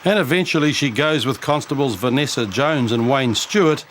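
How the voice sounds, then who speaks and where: A man's voice: medium pitch, moderate pace, a bit bright, a little hiss or hum. A man with a New Zealand accent reading scripted documentary narration.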